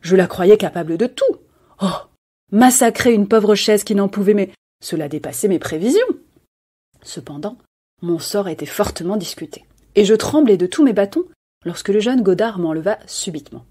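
A woman reading a literary story aloud, expressive, with dramatic pauses. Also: mid-range voice, husky. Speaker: reader.

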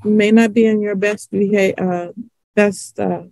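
A middle-aged woman presiding as judge over a court hearing on a video call, formal and firm, speaking haltingly. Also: medium pitch, fairly even intonation, vocal fry, a little mellow, dry recording.

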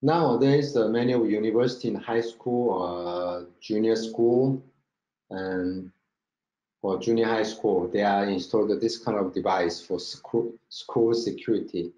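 The speaker, a mellow Korean-accented man with a fairly low voice, is a marketing director presenting a product over slides in an online webinar with screen share. He talks in halting non-native English, often checking in with the audience. The indoor room makes the audio roomy and dull.

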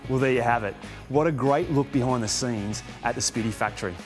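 A motorcycle magazine presenter speaks to camera with enthusiasm in a conversational style. His mid-range voice moves fairly quickly, with music playing beneath it.

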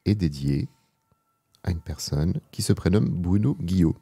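Deep gravelly man hosting. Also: a little slow, warm tone, no room sound. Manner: leads segments with short prompts. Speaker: podcast host. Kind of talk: casual podcast chat.

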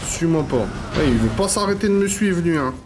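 A man giving live gameplay commentary, slangy and excitable, swearing and trash-talking enemies and repeating phrases. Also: fairly high pitch, fairly quick, noisy background. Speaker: gaming YouTuber.

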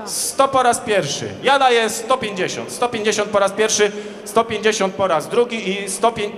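High-pitched male auctioneer in echoey hall. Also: moderate pace, fairly bright tone. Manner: auctioneer's chant, repeated bid calls. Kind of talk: live auction calling. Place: large indoor sports hall, on stage. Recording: echoey hall PA with crowd noise.

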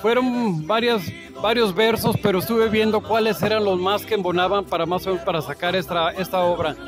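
A man's voice: high-pitched, steady tone. An older man from Jalisco with a Mexican accent, a songwriter talking earnestly in a casual interview, full of restarts, seated outdoors in a garden. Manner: earnest, halting with many restarts. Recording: music playing behind.

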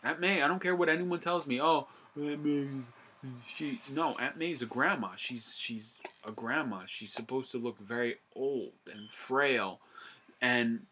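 A young movie reviewer talks through a film in a loose, excited video review, rambling, restarting sentences and swearing casually. His voice is bright, forceful and medium-pitched at normal speed, with a little hiss or hum.

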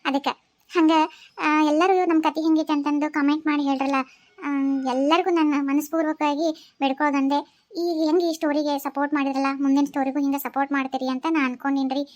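A woman's voice: high-pitched, little pitch movement, fast talker. A woman with a North Karnataka accent, the host of a cartoon story channel, signing off and asking viewers for support in a friendly, pleading way. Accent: North Karnataka Kannada.

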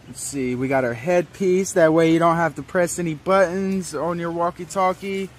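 This product reviewer has a fairly high-pitched voice at a normal speed, casually showing off a product while unboxing it in a wooded yard. He's captured outdoors from a step or two back, with faint outdoor noise behind him.

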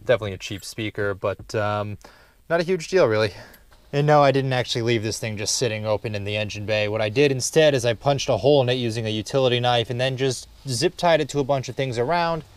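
A man with a mid-range voice talks fast and casually through a car installation for his vlog, working in and around a parked car in a driveway. He mixes wry, sarcastic jokes with the odd swear word. The tone is clean.

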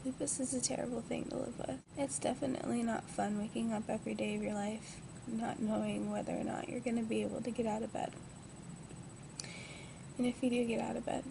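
A woman's voice: a little high, vocal fry. A twenty-year-old woman talking in a groggy, subdued manner to a device mic, in a casual personal vlog from a hospital bed. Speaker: vlogger. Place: lying in a hospital bed indoors. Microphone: built-in device mic at close range. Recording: noisy amateur webcam audio.

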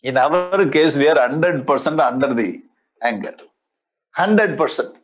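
An older man in his sixties with a South Indian accent teaches scripture in a conversational lecture style. His voice sits a little high and has a husky grain. He often repeats key phrases as he explains. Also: lively intonation, measured pace. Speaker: spiritual teacher. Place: indoor studio in front of a display board. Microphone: lapel mic.

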